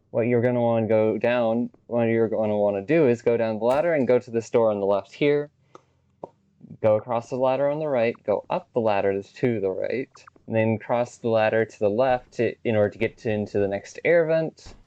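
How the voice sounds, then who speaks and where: A man's voice: medium pitch, warm tone, clean tone, no room sound, dull audio. A man casually narrating a video game walkthrough with wry, offhand remarks. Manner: wry, offhand, swears when he slips.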